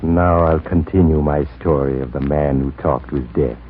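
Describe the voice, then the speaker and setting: Creepy old radio horror host, cavernous low voice, slow and sly; thin old-broadcast sound. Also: male voice. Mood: ominous. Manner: slow, ominous storytelling. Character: eerie old male storyteller host, sly. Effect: old radio show sound. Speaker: narrator and host. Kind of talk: 1940s radio horror narration. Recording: tinny 1940s radio broadcast with faint hiss.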